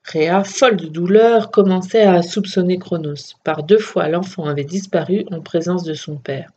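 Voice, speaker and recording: A woman narrating a children's myth story in a steady, expressive reading voice. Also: on the low side, moderate pace, slightly rough, muffled recording.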